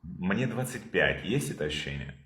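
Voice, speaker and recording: Deep-voiced man guiding a therapy session. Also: normal speed, reverberant. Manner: calm, probing, repeats questions.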